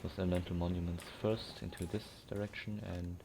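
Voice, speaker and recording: Loud game music fills a very noisy recording as a man chats through his gameplay, rambling and thinking aloud. His deep voice barely moves in pitch, and he talks a little fast.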